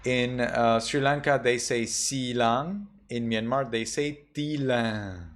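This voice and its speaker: A man, a Buddhist monk, teaching a class, going slowly through pronunciation rules and carefully repeating each example word. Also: mid-range voice, fairly even intonation. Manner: slow, patient, repeats example words carefully. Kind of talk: online class instruction.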